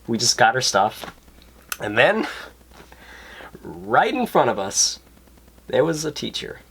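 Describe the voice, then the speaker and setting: A man's voice: mid-range voice, very animated, takes it slowly, creaky, a bit bright, a little hiss or hum. A young man co-hosting a casual podcast, telling a story in a rambling way, packed with fillers and self-mocking asides. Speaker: podcast co-host. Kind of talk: casual chat.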